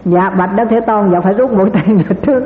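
High-voiced man giving a dharma talk. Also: a little fast, a little hiss or hum. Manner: rhetorical questions to the audience, chuckling asides. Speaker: Buddhist teacher. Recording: echoey hall over tinny lo-fi line.

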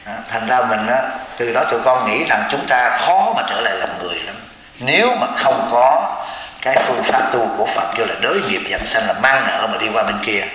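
A man's voice: mid-range voice, lively intonation, brisk, sharp tone. A man, a Buddhist teacher preaching a sermon and keeps asking his listeners rhetorical questions. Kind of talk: sermon to a congregation. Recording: echoey hall with long reverb.

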